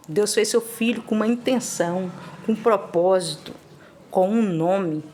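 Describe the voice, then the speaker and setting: A woman's voice: medium pitch, a little mellow, slight background noise. A woman with a Brazilian Portuguese accent giving an informal devotional talk, conversational and repetitive, speaking to the listener as a friend.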